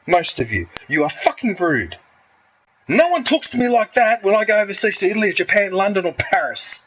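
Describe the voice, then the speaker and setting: A man's voice: high-pitched, big pitch swings, a little fast, fairly bright tone, poor audio. A man in his fifties from Australia, ranting angrily and swearing heavily in a casual chat. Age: 50s. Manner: heated, swearing, repetitive ranting. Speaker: streamer.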